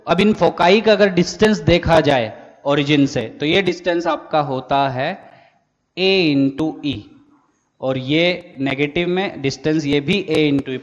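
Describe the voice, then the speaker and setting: A physics teacher, his voice a little high for a man, lecturing in a room with a long trailing echo. The sound is somewhat dull and lo-fi. He works through each point step by step and answers his own questions. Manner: explains step by step, asks and answers his own questions, says "theek hai" often. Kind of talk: classroom lecture.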